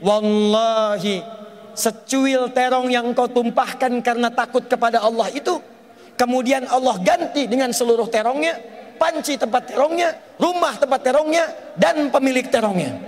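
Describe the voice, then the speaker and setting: A devoted young wife speaks with swelling fervor in a high voice, as a male preacher puts her on. A long hall reverb trails after each phrase. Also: moderate pace. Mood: fervent. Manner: tender, then fervent. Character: pious wealthy young wife, calm and loving.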